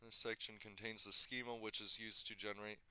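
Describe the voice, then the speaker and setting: Bright-voiced man walking through software. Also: lowish voice, a little fast, clean tone, dry recording. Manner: relaxed, thinks aloud, corrects himself mid-step. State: slightly losing his voice. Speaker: tutorial maker. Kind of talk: casual screen-recorded software tutorial.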